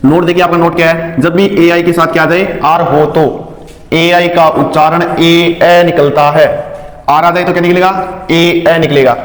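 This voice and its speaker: A man teaching English vowel sounds in a phonics lesson, asking questions and answering them himself, spelling words out slowly letter by letter. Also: a little high, little pitch movement. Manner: asks and answers his own questions. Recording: echoey room with long reverb.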